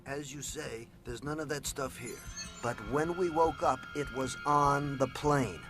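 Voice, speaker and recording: A man's voice: medium pitch, steady tone, a little slow, over music, natural voice. A man reasoning through a problem in a methodical way.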